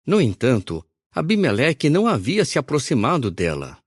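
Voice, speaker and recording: A man reading a Bible audio recording aloud in a measured, solemn narration. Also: medium pitch, wildly swooping pitch, husky, no echo, clean studio sound.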